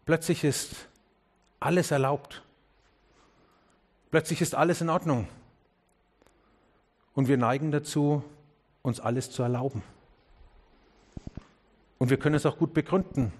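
Earnest higher-voiced male preacher. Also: unhurried, long pauses. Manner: earnest, questioning, addresses congregation directly; drops low and quiet on key words, rises when urging. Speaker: pastor. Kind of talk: sermon.

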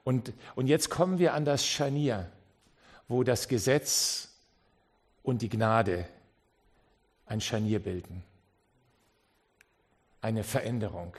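A man preaching a sermon in a church. He moves between quiet, low passages and loud, rising appeals, and he often repeats words and restarts. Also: slow, long pauses, breathy edge.

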